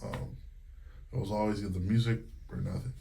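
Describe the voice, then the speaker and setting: A gravelly, lowish-voiced man in his thirties from Connecticut, a singer and music teacher, speaks at a moderate pace in a casual interview. He's relaxed and candid, using lots of fillers and retelling conversations in quotes.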